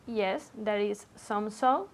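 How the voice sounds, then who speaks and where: A woman student answers her teacher in short, hesitant words. She speaks very slowly at an ordinary pitch.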